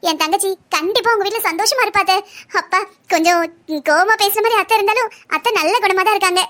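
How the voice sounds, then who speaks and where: A woman's voice: very high voice, fast talker, a bit bright. A woman voicing a chatty young sister. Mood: relieved. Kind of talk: cartoon family drama voice acting.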